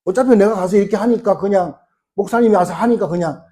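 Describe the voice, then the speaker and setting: A man's voice: sits high, fast, dark tone. A middle-aged man preaching a sermon as pastor, emphatic, often putting rhetorical questions to the congregation.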